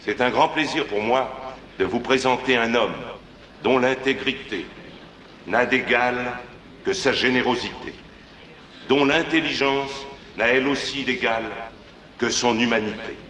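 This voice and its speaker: Casting: male actor as self-important dignitary, medium pitch, grand ceremonial delivery, echoing room. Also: a little slow, long pauses, noisy background, close to an everyday voice. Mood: solemn flattery. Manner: pompous, grandiloquent. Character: pompous male dignitary giving a flattering introduction. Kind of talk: formal ceremonial speech, dubbed film acting.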